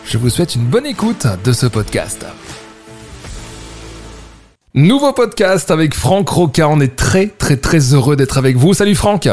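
A man's voice: on the high side, very animated, measured pace, a little mellow, faint music behind. A man hosting a radio podcast, with an upbeat presenter tone. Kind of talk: hosted podcast talk.

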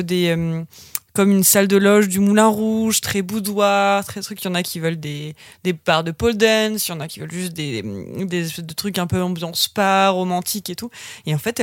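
A woman's voice: medium pitch, no echo, studio quality. A woman chatting casually on a podcast, hesitant and full of fillers. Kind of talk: casual chat.

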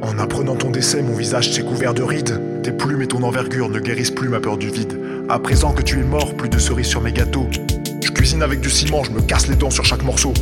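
Man as a mournful eulogist over loud music. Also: mid-range voice, steady tone, fairly quick, lightly acted. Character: grieving, rambling male mourner delivering a solemn eulogy. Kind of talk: mock-solemn comic eulogy.

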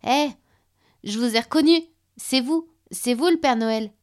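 An eager, determined young girl from a read-aloud storybook, as a woman reader puts her on. The voice sits well above the reader's own low tone and presses each point. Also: unhurried, lightly acted. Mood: insistent.

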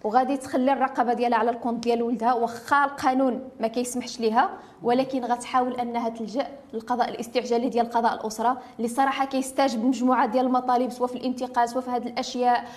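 A woman with a Moroccan Arabic accent speaks very fast in an impassioned discussion of family law. Her fairly high voice has a flat delivery, yet she is emphatic and insistent, often piling up rhetorical questions.

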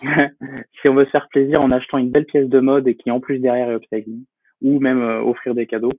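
A man's voice: medium pitch, little pitch movement, brisk, slightly rough, dry recording. A young man chatting as an interview guest, his speech full of hesitant fillers and self-corrections. His voice comes through a thin, phone-like line with no room sound at all. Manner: hesitant, many fillers and restarts. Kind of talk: casual interview talk. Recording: tinny phone-like line, dry.

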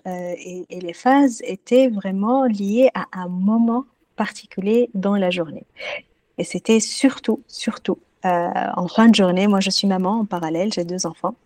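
A woman guest telling her personal story in a casual interview, earnest and reflective, often pausing to search for words. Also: mid-range voice, a little mellow, no echo. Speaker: podcast guest, music therapist.

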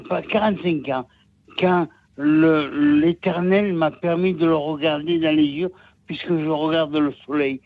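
A man in his sixties from Nîmes with a southern French accent, calling in to a radio show and talking in a rambling, halting way, repeating himself. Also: on the high side, dry recording. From Nîmes, southern France. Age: 60s. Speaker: caller. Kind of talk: call-in radio chat. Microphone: telephone. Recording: tinny phone line.

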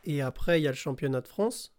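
A man's voice: a little high, lively intonation, quick pace, darkish tone, faint music behind. A man hosting a casual interview, prompting the guest and finishing his thoughts. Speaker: interviewer, host.

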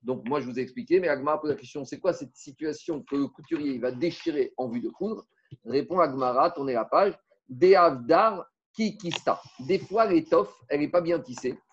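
A man's voice: on the high side, brisk, husky, lo-fi sound. A man teaching a Talmud class in casual French, explaining step by step, asking rhetorical questions and mixing in Hebrew terms.

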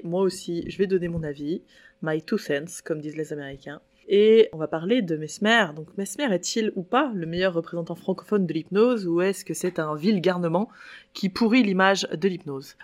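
A woman hosting a podcast, talking casually in a chatty commentary with frequent fillers, a little tired. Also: on the low side. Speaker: podcast host.

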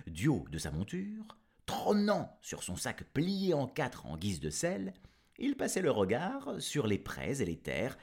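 A playful male storyteller reads a folk tale with teasing asides. His voice swings widely in pitch, animated throughout. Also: measured pace, gravelly, breathy edge. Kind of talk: storytelling to a child.

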